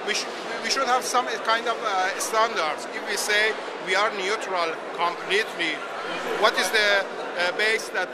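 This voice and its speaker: Iranian guy, persian accent, kinda high voice, keeps hunting for words, really loud street noise behind him. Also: over a noisy crowd. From Iran. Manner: halting, hesitant, searching for words. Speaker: NGO delegate being interviewed. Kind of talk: interview answers.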